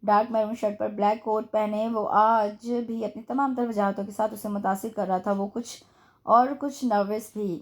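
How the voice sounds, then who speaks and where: A woman reading a romance novel aloud as narrator, with steady, expressive storytelling. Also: medium pitch, normal speed. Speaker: audiobook reader.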